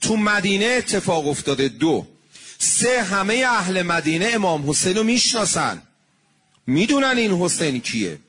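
A man giving an earnest sermon, telling stories and slowing down on devotional phrases. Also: high voice, sing-song, a bit bright, slight background noise. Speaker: religious preacher.

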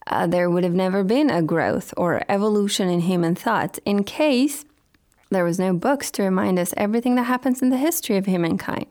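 A woman's voice: medium pitch, a little mellow. A woman presenting a scripted radio talk programme as host, speaking in a formal, earnest and courteous manner.

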